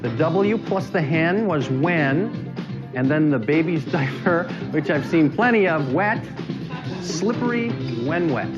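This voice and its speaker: A man competing on a game show, giving short answers in a halting, deliberate way. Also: fairly high pitch, expressive, dull audio. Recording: game show music behind. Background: music and game beeps.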